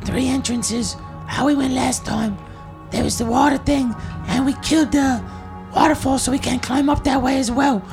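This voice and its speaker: A woman playing a crude, swearing adventurer in a tabletop game, in a lively way. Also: high voice, moderate pace, gravelly, music in the background. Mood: chatty. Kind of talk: tabletop role-play in character.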